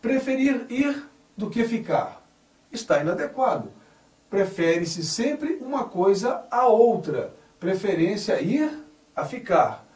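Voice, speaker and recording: A high-voiced man teaches grammar at a slow, deliberate pace, leaning hard on each corrected word. His voice rises and falls a lot. He sits back from the mic in an echoey room. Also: very animated, darkish tone, far from the mic. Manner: spells out words carefully, stressing correct forms.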